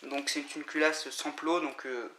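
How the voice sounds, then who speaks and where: A man giving a casual, halting unboxing commentary, full of fillers and restarts. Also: fairly high pitch, little pitch movement. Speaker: vlogger unboxing scooter parts. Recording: echoey room with loud noise and crinkling.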